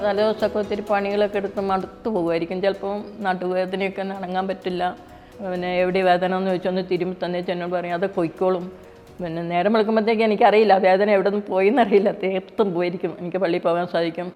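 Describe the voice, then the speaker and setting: A middle-aged woman, a mother, telling a personal faith story in quick, plain speech full of restarts. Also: medium pitch, steady tone. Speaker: mother giving a faith testimony. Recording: dull, reverberant, with soft music behind.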